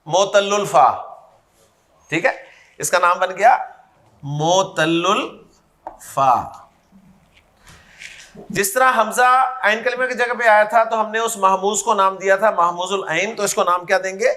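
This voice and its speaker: A man's voice: sits high, fairly even intonation, fairly quick, hardly any pauses, sharp tone. A man teaching a grammar class, who repeats key terms and quizzes his students by name.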